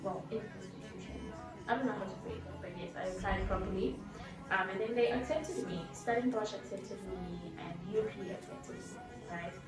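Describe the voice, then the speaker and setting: A woman's voice: mid-range voice, moderate pace. A twenty-year-old woman from South Africa telling her story in a casual, rambling vlog, full of fillers and restarts. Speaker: vlogger. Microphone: laptop or phone camera mic. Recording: echoey room, voice from a distance, music playing.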